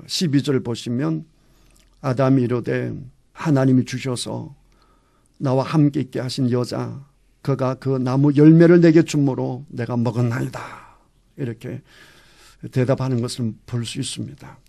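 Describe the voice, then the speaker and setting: A man's voice: medium pitch, fairly even intonation, normal speed, creaky, mellow. A male pastor teaching a Bible class, asking the class questions and acting out quotes. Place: church classroom.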